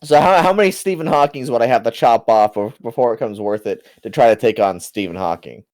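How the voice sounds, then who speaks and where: A man's voice: mid-range voice, brisk, a little mellow, dry recording. A young man co-hosting a casual podcast, talking hesitantly with frequent restarts and laughter. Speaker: podcast co-host. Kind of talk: casual banter.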